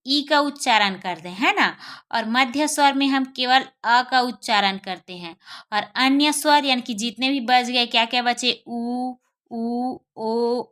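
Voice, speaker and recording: A woman's voice: high-pitched, a bit bright. A woman teaching a grammar lesson, asking the class questions and then answering them herself, often adding little checks for understanding and saying vowel sounds aloud as examples.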